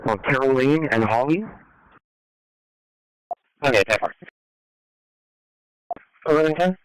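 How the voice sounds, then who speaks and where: A man's voice: mid-range voice, expressive, slow, clean tone, no room sound, low-quality recording. A man speaking in terse, coded exchanges over a two-way police radio.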